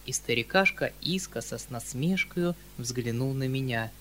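A man reading classic literary narration in a calm, even, slightly ironic way. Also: medium pitch, moderate pace, a little hiss or hum. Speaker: audiobook reader.

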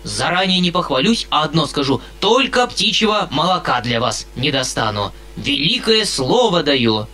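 A man's voice: a little high, very animated, normal speed, hardly any pauses, bright, forceful tone. Man doing a blustering fat landowner. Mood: effusive. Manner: boisterous, folksy.

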